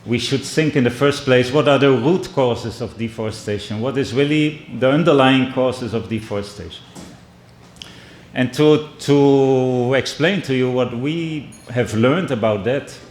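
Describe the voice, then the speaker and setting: A middle-aged man from the Netherlands with a Dutch and Brazilian accent, giving a measured keynote speech and telling stories, often pausing and restarting. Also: medium pitch. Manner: measured, with frequent restarts and pauses. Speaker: keynote speaker. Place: indoor conference hall. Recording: echoey hall.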